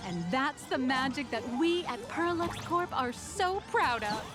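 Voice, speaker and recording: High-voiced, polished saleswoman game character. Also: expressive, unhurried, music in the background. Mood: salesy. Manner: smooth ad-read delivery, grandly persuasive. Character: polished, upbeat female toy-company demonstrator guiding assembly. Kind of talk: scripted sales-pitch video game acting.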